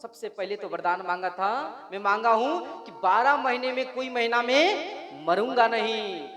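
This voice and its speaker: A man's voice: very high voice, expressive, measured pace. A man voicing an arrogant demon king who mocks and taunts, in a devotional story. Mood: boastful. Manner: mocking, taunting, scornful laughter. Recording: reverberant hall with music behind.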